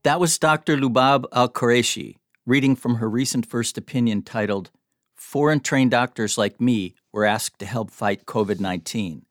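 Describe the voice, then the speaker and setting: Male host, measured and polite, dry studio read. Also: medium pitch, no echo. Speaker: podcast host, editor. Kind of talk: scripted intro and interview questions.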